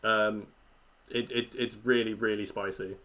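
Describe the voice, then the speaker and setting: A man's voice: lowish voice, little pitch movement, measured pace, fairly bright tone. A man narrating as game master of a tabletop game, stammering and repeating words as he goes.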